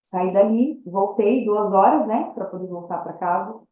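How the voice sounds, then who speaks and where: A woman's voice: mid-range voice, unhurried. A woman telling her own story as a personal testimony, acting out the dialogue she recounts. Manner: storytelling that acts out quoted dialogue. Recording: echoey room, dull lo-fi sound.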